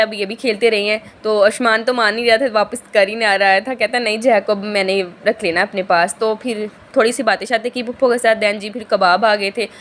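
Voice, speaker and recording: A young woman vlogger from Pakistan talks through her shopping haul, her pitch sitting a little high even though a sore throat leaves her voice hoarse and heavy. She chats casually, rambles, and keeps stopping to correct herself mid-sentence.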